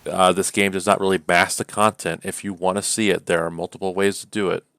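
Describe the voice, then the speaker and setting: A man co-hosting a podcast, chatting casually about games in a rambling way, full of fillers and quick laughs. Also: sits low, flat delivery, fairly bright tone, dry recording. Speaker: podcast co-host. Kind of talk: casual gaming chat.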